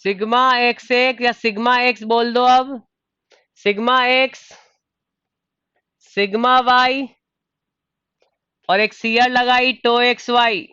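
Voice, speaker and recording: A man with a high, smooth voice teaches a live online engineering class, calling on students by name and addressing them as dear. He keeps his delivery steady and even in pitch, and patiently repeats his questions. The sound is dry and a little dull, lo-fi. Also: slow pace, long pauses, dry recording. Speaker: online exam tutor.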